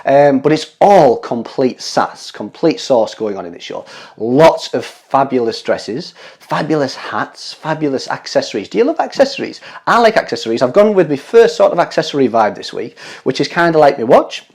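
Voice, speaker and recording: Vlog host, gushing and affectionate, teasing, very lively intonation, mid-range voice, music behind. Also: mid-range voice, normal speed. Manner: cheeky, playful. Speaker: show host. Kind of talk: chatty fashion vlog to camera.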